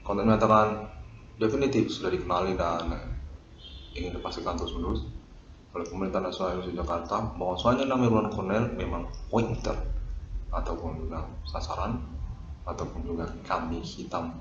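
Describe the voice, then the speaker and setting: A man reading a stiff, repetitive formal statement with long pauses. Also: deep voice. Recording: lo-fi roomy recording with noise.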